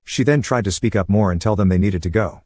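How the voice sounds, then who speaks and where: A man reading out a first-person reddit story in a steady, matter-of-fact way. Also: fairly low pitch, quick pace, husky, no echo, clean studio sound. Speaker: narrator.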